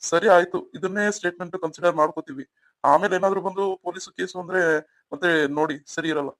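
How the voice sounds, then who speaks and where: A man's voice: high voice, steady tone, fast, fairly bright tone, no echo, clean studio sound. A man voicing a stern male police officer who questions sharply in a cartoon story. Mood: questioning. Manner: probing, stern.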